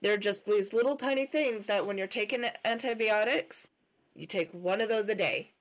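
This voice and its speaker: A woman's voice: medium pitch, moderate pace. Woman chatting on a podcast, practical tips, easygoing. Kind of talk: casual chat.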